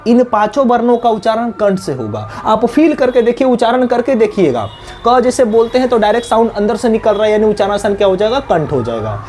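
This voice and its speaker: A man teaching an exam-prep lesson, asking questions and answering them himself, dropping lower and softer on each repeated answer. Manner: drops low and soft on the repeated answer.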